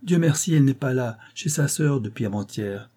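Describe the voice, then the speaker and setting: A man's voice: mid-range voice, expressive, moderate pace, warm tone, voice pushed up, lightly acted. A man doing a startled young brother. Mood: questioning. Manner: surprised, questioning.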